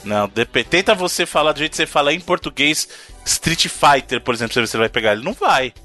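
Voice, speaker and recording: Emphatic Brazilian man, bright voice. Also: a little high, animated, quick pace, faint music behind. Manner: emphatic, argumentative, repeats for emphasis. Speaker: podcast co-host. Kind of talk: casual chat about video games.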